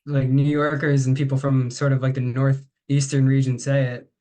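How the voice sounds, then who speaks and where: A man's voice: medium pitch, monotone, moderate pace, warm tone. A man from the northeastern US co-hosts a podcast in an easy, offhand way. He jokes freely and laughs between his words. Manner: loose, joking, laughs often. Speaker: podcast co-host. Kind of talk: casual conversation.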